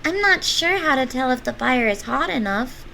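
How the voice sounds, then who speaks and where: A woman voicing a sweet, polite young girl in a storybook read-aloud, high and pleading. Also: animated, normal speed, creaky, pushed and bright, slight background noise, exaggerated voice, poor audio.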